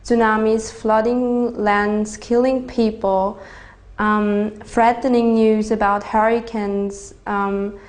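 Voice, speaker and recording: A nineteen-year-old woman, a youth delegate, answering interview questions thoughtfully and listing her points slowly. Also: medium pitch, level tone. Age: teens.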